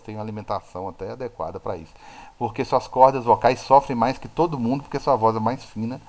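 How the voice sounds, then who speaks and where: A man teaching physics over a video call, with a Brazilian Portuguese accent and a voice of middling pitch. He talks in an eager, conversational way, often posing a question and answering it himself. His volume keeps rising and falling as he explains. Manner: lively explaining, swings from soft to loud, asks and answers his own questions. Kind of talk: live online class.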